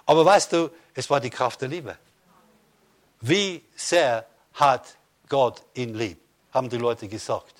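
A fervent male preacher delivering a sermon, his voice pitched right in the middle for a man. He builds from quiet reflection into loud, rousing proclamations, punctuated by Amens and Hallelujahs. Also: takes it slowly.

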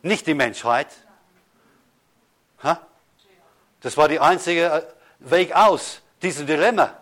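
Emphatic preaching pastor, slightly high voice. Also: male voice, a bit bright. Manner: preaching with emphatic slow stresses and rhetorical questions. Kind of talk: sermon.

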